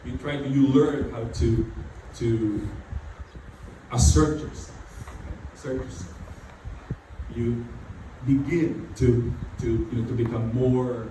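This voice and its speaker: A mellow, steady medium-pitched voice belongs to a middle-aged pastor who preaches slowly; English is not his first language. Repetition and frequent "you know" fillers mark his sermon. The sound comes from far off in a very echoey church hall with background noise.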